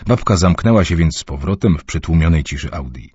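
Male audiobook narrator, very deep and husky, lively reading, dry and muffled sound. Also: no echo. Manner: measured, expressive reading. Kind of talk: scripted narration. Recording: dull muffled recording.

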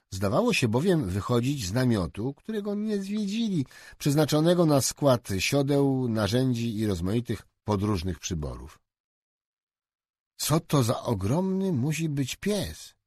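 Man reading a story aloud, really animated melody, slow, dry close mic. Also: lowish voice, dry recording. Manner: slow, expressive, lively intonation. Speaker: audiobook narrator. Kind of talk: storybook narration.

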